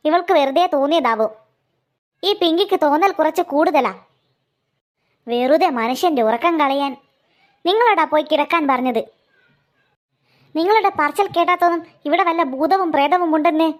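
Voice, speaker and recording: A woman's voice: high-pitched, moderate pace, long pauses, lightly acted. A woman doing a scolding cartoon mother. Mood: dismissive. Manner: scolding, impatient. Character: stern, scolding mother Kamala. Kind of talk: cartoon voice acting.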